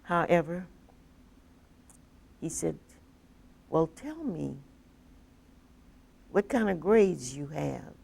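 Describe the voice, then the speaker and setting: A woman's voice: deep voice, big pitch swings, extremely slow, creaky, long pauses, darkish tone, slightly rough. An older woman telling stories from her life in an oral history interview, acting out what people said. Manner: vivid, acts out quoted dialogue. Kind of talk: personal storytelling.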